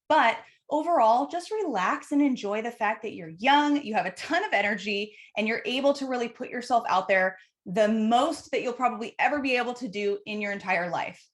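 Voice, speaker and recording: A woman with a fairly high voice presents advice as a coach in an online video. She talks straight to the viewer in an instructive way, putting emphasis on the key words. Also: a bit bright. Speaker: dating coach and video host. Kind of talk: advice video to camera, numbered tips.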